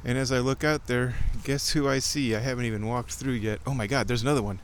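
Here the podcast host and chairman keeps up a quick pace, his medium-pitched voice steady as he chats aimlessly about what he notices on an outdoor walk. Breezy walking noise, light wind and outdoor ambience fill the background of his casual show.

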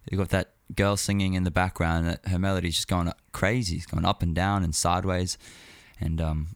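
Deep-voiced man chatting casually about music. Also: little pitch movement, brisk, no room sound, studio quality. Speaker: music show host.

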